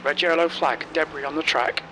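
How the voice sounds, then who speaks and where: A man's voice: a little high, moderate pace, slight background noise, poor audio. Man giving terse pit radio calls. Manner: clipped, flat reporting of gaps and flags. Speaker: automated race engineer callouts.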